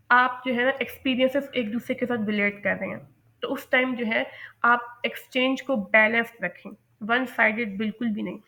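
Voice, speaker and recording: A woman giving a lecture on English phrases, slowly spelling out each example sentence. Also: fairly high pitch, fairly bright tone. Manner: slow, careful enunciation of English example sentences. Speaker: English teacher.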